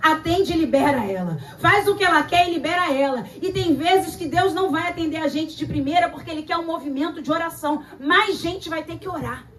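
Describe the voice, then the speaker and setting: A woman's voice: very high voice, a little fast, hardly any pauses, fairly bright tone, far from the mic. A Brazilian woman pastor preaching a sermon in a dramatic storytelling way, acting out voices and repeating phrases. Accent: Brazilian Portuguese.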